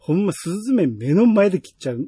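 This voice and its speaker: A man with a Kansai accent, co-hosting a casual podcast chat about a TV drama, telling scenes in a lively way. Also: high-pitched, quick pace, slightly rough, no room sound. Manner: chatty, animated storytelling with acted-out quotes. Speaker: podcast co-host.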